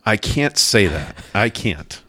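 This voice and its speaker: An older man with a deep, low voice talks in a relaxed, agreeable way, chuckling often as he co-hosts a casual podcast chat. The sound is close and dry, with no room around it. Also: slow pace, dry recording. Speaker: podcast co-host.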